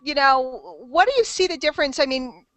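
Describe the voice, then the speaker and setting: A woman's voice: sits high, animated, moderate pace, fairly bright tone, dry recording, rough recording. A woman hosting a casual group call, chatty, teasing and persuasive. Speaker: host of a marketing call.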